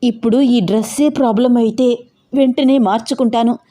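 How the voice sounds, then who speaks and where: A woman voicing an emotional, fiery young bride who fires off rapid, agitated questions. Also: a little high, fairly even intonation, dark tone, close to an everyday voice. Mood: insistent.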